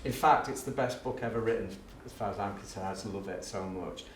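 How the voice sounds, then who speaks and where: A middle-aged man, telling lively, self-mocking teaching stories to a live audience. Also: lowish voice, fairly quick, slight background noise. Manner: lively, self-mocking, acts out the voices in his story. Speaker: teacher and education speaker. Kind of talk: anecdotal storytelling to a live audience. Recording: echoey room, voice picked up from a distance.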